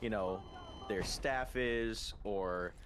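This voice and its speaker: A man's voice: lowish voice, very slow, slight background noise. A man from the American Midwest chatting casually while gaming, rambling and swearing now and then. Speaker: podcast host and gamer. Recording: loud game gunfire behind. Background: game gunfire and explosions.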